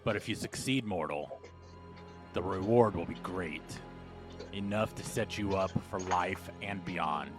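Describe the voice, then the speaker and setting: Booming otherworldly being heard in the mind, voiced by a man running a tabletop game, deep and very slow, faint music underneath. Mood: ominous. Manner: slow, deep, commanding pronouncements. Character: booming otherworldly male entity speaking in the mind. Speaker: game master.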